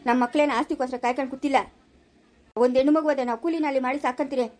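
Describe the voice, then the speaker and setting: A woman's voice: high voice, fairly even intonation, racing, lightly acted. Woman playing a scolding village father. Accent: rural Chikkaballapura Kannada. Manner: scolding, loud and indignant. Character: angry middle-aged village father defending his wife. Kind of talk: amateur family drama acting.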